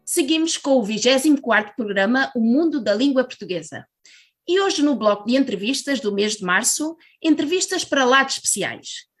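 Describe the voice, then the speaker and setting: A woman radio host introduces guests from a script. Her voice is somewhat high, with a husky, breathy grain. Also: a bit bright.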